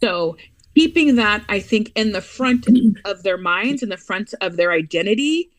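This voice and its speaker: Speaking with a medium-pitched, expressive voice, an American woman appears as a guest in a casual interview, talking earnestly and with emphasis about her kids and her values. She shifts her speed up and down to drive points home. The recording quality is low.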